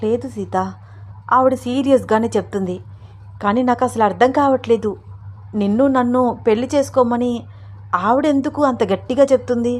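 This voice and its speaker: A woman's voice: on the high side, moderate pace, darkish tone, close to an everyday voice. A woman voicing a confused, earnest young man in a storybook reading, pleading and puzzled.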